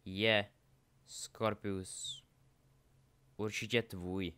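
A man voicing a steady, guarded adult wizard and father in a storybook reading, calm and firm. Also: fairly low pitch, a little hiss or hum.

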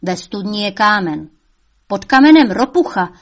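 A woman's voice: medium pitch, lively intonation. A woman voicing the devil's old mother, a cunning woman who scolds shrilly and coaxes sweetly. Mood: coaxing.

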